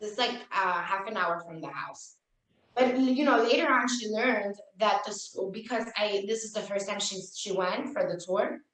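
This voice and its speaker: A podcast co-host with a mid-range, fairly bright voice speaks at a moderate pace. She tells a story in casual conversation, acting out the quoted dialogue, and the audio sounds echoey and far from the mic.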